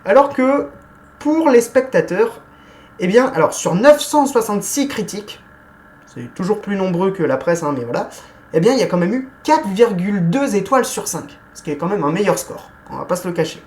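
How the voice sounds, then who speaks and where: A woman's voice: mid-range voice, expressive, moderate pace, a little mellow. Woman, casual film review vlog, chatty, hesitant, lots of fillers and self-corrections.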